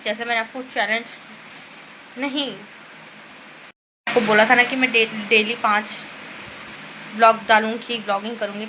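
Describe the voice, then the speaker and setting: A woman vlogger chatting to her phone camera in a rambling, casual way. She keeps calling her viewers guys and speaks softly because her mouth is sore. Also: a little high, a little hiss or hum, rough recording. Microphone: phone camera filming herself.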